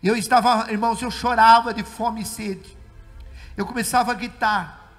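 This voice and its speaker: A middle-aged man preaches his testimony in a very high, bright, ringing voice. He builds from hushed recollection to fervent shouting. His voice carries a long church-hall reverb over faint background music. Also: steady tone, normal speed. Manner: emotional, rising to shouted preaching. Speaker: pastor. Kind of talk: testimony sermon.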